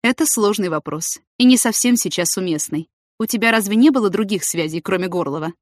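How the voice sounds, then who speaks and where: A woman's voice: mid-range voice, lively intonation, no echo, studio quality, natural voice. Woman voicing a firm male ward chief. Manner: firm, brisk doctorly. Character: middle-aged male head of a maternity ward.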